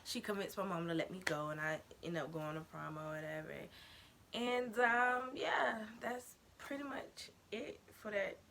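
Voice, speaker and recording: A young woman telling a storytime vlog story in an animated, slangy way, talking straight to her viewers. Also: mid-range voice, moderate pace, gravelly, slight background noise. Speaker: vlogger.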